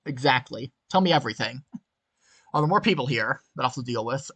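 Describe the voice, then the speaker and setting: A man voicing a tall, muscular, foul-mouthed thug in a bloody yellow coat who barks demanding questions in a gruff voice. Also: mid-range voice, expressive, fast. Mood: menacing.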